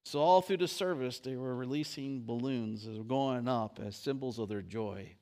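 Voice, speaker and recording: A man's voice: medium pitch, moderate pace, warm tone. Man preaching a sermon, leading prayer. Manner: preaching with prayer and leading the congregation in a sung verse. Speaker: pastor.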